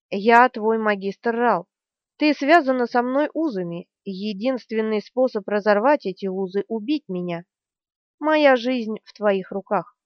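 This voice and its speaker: A woman reading the part of a stubborn, calm young male hero in an audiobook, steady and earnest. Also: a little high, no echo, close to an everyday voice. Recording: dry, slightly dull studio sound.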